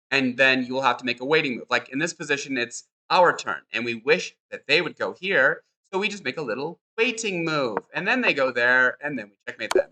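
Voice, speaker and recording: A man's voice: fairly high pitch, sharp tone. A man teaching a chess lesson, upbeat and encouraging, repeating short cues as he demonstrates moves on the board.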